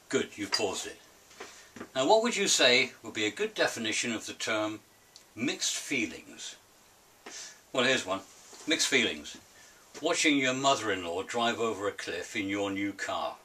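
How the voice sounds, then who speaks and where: Grumpy older British man, swooping pitch. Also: bright, forceful tone. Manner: grumpy old man grumbling, emphatic and rhetorical. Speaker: presenter of his own opinion series. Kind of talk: opinionated monologue to camera. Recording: hissy, distant microphone.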